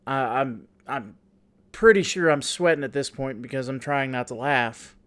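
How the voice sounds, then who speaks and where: A man telling a story on his vlog, halting and amused, laughing at himself as he goes. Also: medium pitch, a bit bright, dry recording. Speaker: YouTuber.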